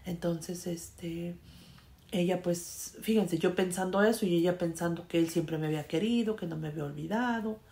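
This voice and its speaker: A Mexican woman telling a personal story in a casual, conversational way, with frequent fillers and a voice that trails off softly. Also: lowish voice, normal speed, creaky. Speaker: storyteller sharing a personal experience.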